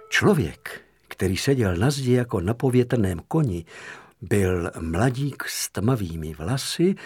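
A man narrating an audiobook in an expressive, theatrical reading. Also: medium pitch, breathy edge, no echo, clean studio sound.

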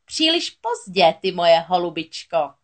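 A woman voicing a gloating female sea witch who speaks slowly and croaks triumphantly. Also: fairly low pitch, very animated.

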